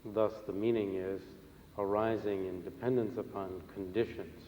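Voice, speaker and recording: Dark, low-voiced male interpreter in echoey hall. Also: steady tone. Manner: measured, formal, pausing between short phrases. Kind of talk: consecutive interpreting of a religious teaching. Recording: echoey hall, long reverb, faint noise.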